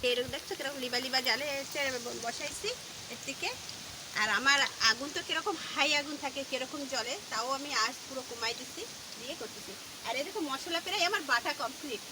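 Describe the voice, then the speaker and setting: A high-voiced woman narrates her cooking at a rapid clip, chatting casually as she works in a home kitchen. Loud frying and sizzling noise sits under her voice throughout. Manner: talks very fast, rushes through. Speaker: home cook vlogger.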